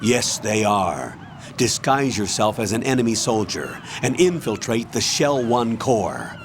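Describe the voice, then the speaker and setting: A man's voice: fairly low pitch, big pitch swings, measured pace, slight background noise. An actor playing a male military colonel who gives firm orders. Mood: commanding.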